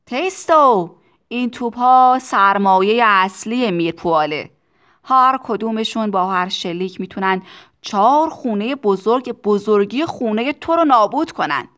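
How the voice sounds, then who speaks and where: A blustering male factory boss in a storybook, shouting loudly over clanging machines. He booms with pride, as a woman puts him on in a raised voice. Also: animated, close to an everyday voice. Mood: proud shouting. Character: adult male factory manager, blustering and proud.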